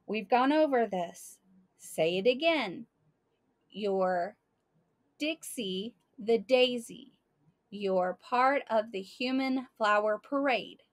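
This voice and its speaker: A woman's voice: on the high side, slow. A woman voicing a self-assured boy detective who talks in a confident, bossy way, reading from a storybook.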